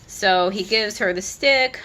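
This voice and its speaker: Woman, parent, vlog reviewer; bright tone, mid pitch, candid and critical, casual delivery. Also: takes it slowly. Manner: frank, critical, with "like" and "you know" fillers. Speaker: parent reviewing a children's book. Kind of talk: opinionated casual commentary.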